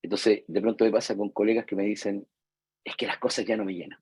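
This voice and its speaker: Chilean man lecturing, husky and dry. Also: lowish voice, fairly even intonation, fast talker, a little mellow, dry recording, poor audio. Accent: Chilean Spanish. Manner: conversational, acts out patients and parents, frequent "¿cierto?" tags. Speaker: psychologist lecturer. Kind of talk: live lecture to therapists.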